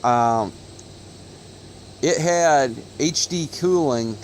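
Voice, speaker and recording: A man's voice: mid-range voice, extremely slow, a little mellow, a little hiss or hum. A man from Ohio, talking casually to his phone camera outdoors, rambling with many fillers and corrections. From Ohio, USA. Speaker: auto parts video host. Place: outdoors in sunlight. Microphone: phone recording.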